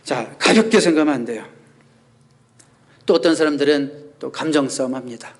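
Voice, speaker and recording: Male pastor, sermon delivery, fairly high voice, animated, acts out quotes and asks the congregation questions. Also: moderate pace. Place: church sanctuary.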